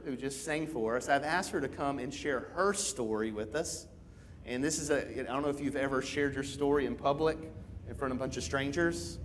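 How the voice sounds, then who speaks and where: A man's voice: mid-range voice, slight background noise. A man preaching a conversational sermon as pastor, casual and engaging, often checking in with his listeners.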